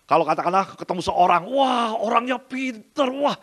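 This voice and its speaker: A middle-aged man preaching a sermon as pastor, going from soft asides to loud emphasis. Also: sits high, animated, moderate pace.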